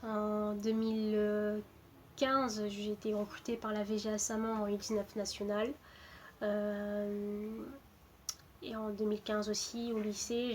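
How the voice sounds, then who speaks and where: Young woman from portugal, footballer, talks kinda flat with lots of uh and restarts, bit of hiss behind. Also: mid-range voice. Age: 20s. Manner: hesitant, many fillers and restarts. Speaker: footballer interviewed. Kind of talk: casual self-introduction to camera.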